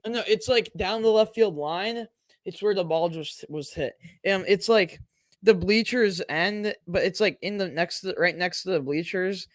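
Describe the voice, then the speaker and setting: A young man co-hosting a podcast, chatting casually and calling the game at a watch party, rambling and excitable. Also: high voice, moderate pace, dry recording. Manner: rambling, excitable, lots of fillers and laughs. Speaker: podcast co-host and Cubs fan. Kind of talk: casual play-by-play chat during a watch party.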